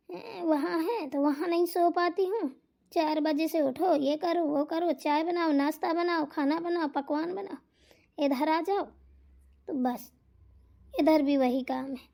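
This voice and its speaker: A woman's voice: high voice, a little slow, gravelly, mellow. A woman voicing a sleepy, complaining young sister-in-law in a cartoon comedy, whiny and sulky. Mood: whining.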